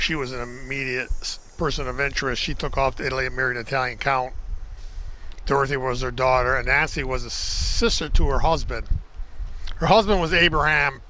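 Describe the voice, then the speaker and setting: A man speaks to his viewers on a walk across a college campus, bright and forceful in tone and sitting in the middle of the male range. He rambles, corrects himself and speaks to the audience as folks. Faint outdoor street noise and the odd passing vehicle sit under his handheld camera audio. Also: mid-range voice, low-quality recording. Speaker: video tour guide. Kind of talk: casual walking-tour vlog.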